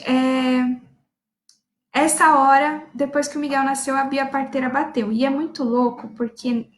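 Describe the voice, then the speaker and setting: Uma jovem parteira contando o próprio parto num relato casual e animado, rindo com frequência. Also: female voice, sits high, reverberant. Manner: animated storytelling, laughs often, acts out her own quoted orders. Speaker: midwife recounting her own birth. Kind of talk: personal birth story, casual talk.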